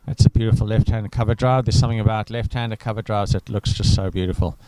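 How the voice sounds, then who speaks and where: Deep-voiced cricket commentator. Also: male voice, steady tone, fast talker, mellow, clean tone, no echo, low-quality recording. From South Africa. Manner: chatty, rambling, enthusiastic asides. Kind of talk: live sports commentary.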